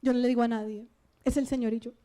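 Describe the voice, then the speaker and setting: A middle-aged woman pastor with a Colombian Spanish accent, preaching an animated sermon and putting questions to the congregation. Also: a little high, fast. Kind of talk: lively sermon.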